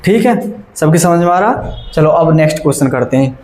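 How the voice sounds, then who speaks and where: A man's voice: a little high, expressive, fairly quick, darkish tone. Male math teacher, classroom lesson, keeps quizzing the students; roomy, echoey sound. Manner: keeps asking the class questions and checking they follow; works sums aloud step by step, repeating numbers. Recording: echoey classroom, faint background noise.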